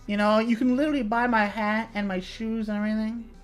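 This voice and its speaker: A woman's voice: a little high, fairly even intonation, fast. A young woman VTuber chatting casually on a livestream, reading chat and swearing freely, with light music behind. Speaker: VTuber streamer.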